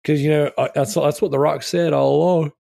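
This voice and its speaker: A man's voice: on the high side, fairly even intonation, fairly quick, gravelly, dark tone. A man hosting a casual podcast, wheezy and stuffed up from being sick, rambling enthusiastically in loose slang. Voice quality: wheezy, congested, snotty. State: sick with strep throat, mouth-breathing. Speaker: podcast host. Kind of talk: casual chat.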